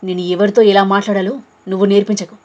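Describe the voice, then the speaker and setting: A woman's voice: medium pitch, little pitch movement, quick pace, a little mellow, muffled recording, close to an everyday voice. Proud injured young man, harsh and commanding, voiced by a female narrator. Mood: threatening.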